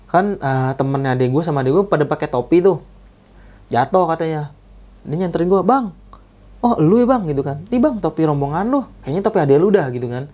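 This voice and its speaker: A man's voice: a little high, expressive, fast, warm tone. A young man, casually telling a true spooky hiking story and acting out the quoted dialogue in slang.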